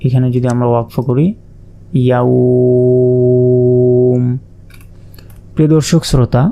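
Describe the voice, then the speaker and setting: Dark-voiced male Quran reading teacher. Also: mid-range voice, fairly even intonation, dull audio, faint music behind. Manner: spells out letters slowly and draws out vowels in long, drawn-out demonstration words. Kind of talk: step-by-step Quran reading lesson.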